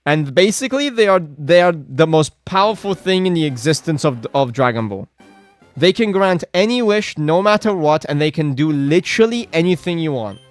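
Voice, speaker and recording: Guy streaming a game, kinda high voice, rambles a lot, reads chat out loud. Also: lively intonation, normal speed, soft background music. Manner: rambling, filler-heavy, reads chat aloud and reacts. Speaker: gaming live streamer. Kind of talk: casual live-stream chat while playing.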